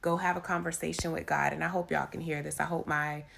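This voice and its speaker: Raspy, low-voiced woman with a creaky edge. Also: level tone, fast talker, fairly bright tone. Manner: emphatic, repeats key phrases. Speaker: faith vlogger giving encouragement. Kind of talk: informal devotional talk to followers. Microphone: handheld phone.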